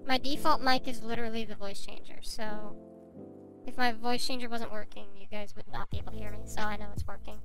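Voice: medium pitch, fairly even intonation, fairly quick, low-quality recording. A streamer talking through a voice changer in a casual, rambling chat with listeners, answering their messages. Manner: chatty, rambling, with filler words. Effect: voice changer on the mic. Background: music.

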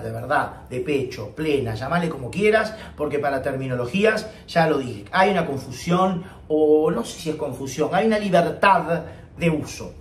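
Male vocal coach, animated and joking, recorded in an echoey room. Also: a little high. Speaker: singing teacher. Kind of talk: online singing lesson. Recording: echoey room, faint ambient noise.

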